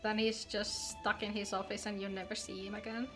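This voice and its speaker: Speaking briskly in a flat, medium-pitched voice, a woman game streamer chats casually and jokes as she plays. Her livestream has music in the background.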